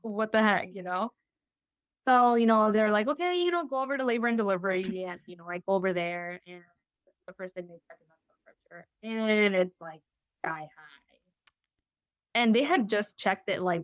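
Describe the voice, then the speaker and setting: Young woman, chatty guest storyteller; smooth voice, dry close recording. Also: mid-range voice, moderate pace, no room sound. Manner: chatty, full of "you know" and "like", acting out quoted voices. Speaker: interview guest. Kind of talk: casual storytelling.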